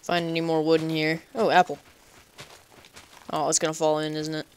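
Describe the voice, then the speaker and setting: A man's voice: on the high side, completely flat delivery, moderate pace, slight background noise. A man giving casual, chatty let's play commentary, talking to himself playfully and making up goofy nicknames for animals. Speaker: gaming channel host.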